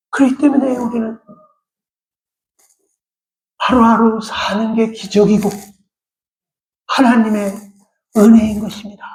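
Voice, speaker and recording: A middle-aged male pastor preaching a sermon emphatically and often putting rhetorical questions to the congregation. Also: very high voice. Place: church sanctuary. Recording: echoey church hall.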